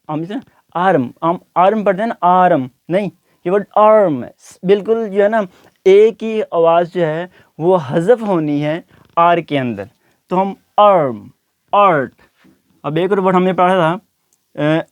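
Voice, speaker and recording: A man teaching English pronunciation in a classroom lesson, speaking slowly and repeating each word several times with many fillers. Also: sits high, darkish tone, smooth, dry recording.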